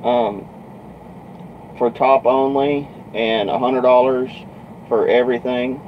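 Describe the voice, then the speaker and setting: A man voicing a frightened, tearful young woman who pleads in a high voice, on a dull lo-fi recording. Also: fairly even intonation, slow pace, a little hiss or hum, lightly acted. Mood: pleading.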